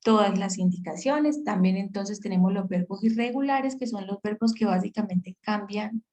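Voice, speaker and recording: A woman's voice: mid-range voice, normal speed, darkish tone, low-quality recording. A woman teaching an English grammar class over a video call, explaining patiently and often checking that students follow. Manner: patient, checks understanding with questions. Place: virtual session.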